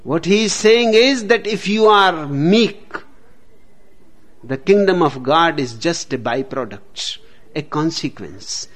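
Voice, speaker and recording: A man giving a spiritual discourse, speaking slowly with long pauses and telling jokes along the way. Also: a little high, expressive, a bit bright. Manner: slow, deliberate, dramatic pauses, tells jokes. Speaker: spiritual teacher.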